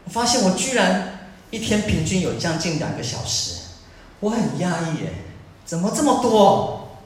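High-voiced male pastor in an echoey church. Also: moderate pace. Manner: earnest, questioning, alternating calm and emphatic. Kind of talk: sermon. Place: church sanctuary. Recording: echoey church hall, distant mic.

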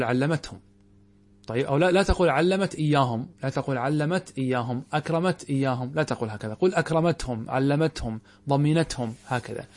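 Man, grammar lesson, slightly high voice, slow drawn-out recitation, rhetorical questions to students. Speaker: Islamic scholar teaching grammar.

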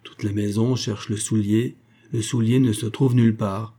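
A man narrating a classic children's story in a measured, expressive storytelling manner. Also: fairly low pitch.

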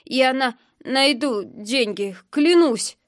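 A woman's voice: high voice, takes it slowly, no echo, studio quality. A woman voicing a drunk, beaten young man who mumbles and slurs his bitter words. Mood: drunk spiteful. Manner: slurred, mumbling, spiteful.

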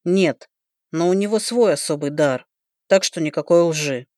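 A woman's voice: on the low side, unhurried, dark tone, no room sound, studio quality, close to an everyday voice. A woman reading an audiobook, voicing a young male dragon student who talks in a blunt, teasing, matter-of-fact way. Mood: wry. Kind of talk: audiobook character voice.

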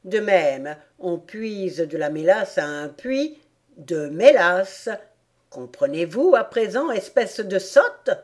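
A woman voicing a rude, mocking man with a loud, sneering, pedantic delivery in an audiobook. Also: mid-range voice, lively intonation, unhurried, few pauses, close to an everyday voice. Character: rude, mocking adult man at a tea party. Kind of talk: audiobook character voice.

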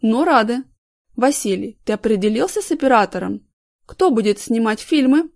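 Woman doing strict middle-aged tv boss, bossy and scolding, kinda high voice. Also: expressive, normal speed, dry recording, studio quality. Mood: businesslike. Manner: commanding, scolding. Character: man, stern middle-aged TV station boss.

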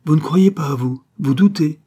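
A man's voice: on the high side, normal speed, warm tone, slightly rough, voice pushed up. A man voicing a proud, passionate young Spanish noblewoman who speaks urgently and imploringly. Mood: insistent.

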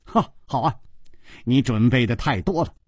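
A man voicing a relaxed, confident male hero in a storytelling performance, agreeable in manner. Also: mid-range voice, moderate pace, husky, no echo, clean studio sound. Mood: easy.

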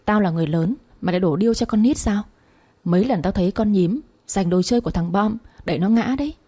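Woman voicing a shrill scolding old mother-in-law. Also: fast talker, mellow, slightly rough, close to an everyday voice. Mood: angry. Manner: accusing, harsh. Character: scolding elderly mother-in-law, sharp-tongued.

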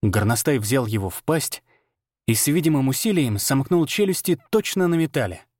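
A man narrating a fantasy novel in the first person, reading in a steady, even storytelling manner. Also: medium pitch, normal speed, no echo, studio quality. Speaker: audiobook narrator.

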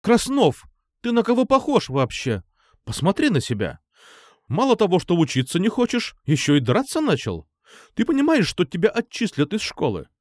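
Brief: stern middle-aged schoolmistress scolding pupils, man doing the voice, raised pitch, audiobook. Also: huge pitch swings, moderate pace, no room sound, clean studio sound. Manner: stern, lecturing, loud.

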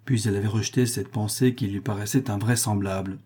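A man reading a literary novel aloud as narrator, in a measured, even manner. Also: fairly low pitch, breathy edge. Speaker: audiobook narrator.

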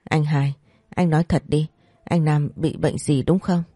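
A woman's voice: deep voice, fairly even intonation, a little slow, warm tone, dry recording, studio quality. Woman voicing frightened young pregnant wife. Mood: anxious. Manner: pleading, anxious questions.

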